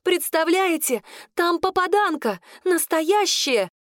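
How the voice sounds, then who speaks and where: A woman's voice: normal speed, dry recording, studio quality, natural voice. A woman reading an audiobook, voicing a jealous, accusing young serving girl. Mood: excited. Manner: accusing, shrill and tearful. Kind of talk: audiobook character voice.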